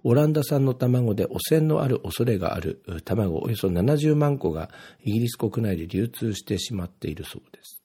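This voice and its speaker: Speaking in a brisk, expressive mid-range voice that is mellow yet husky, this Ibaraki man talks on his own in a relaxed way. He reads out his posts and wanders off on tangents, leaning heavily on fillers.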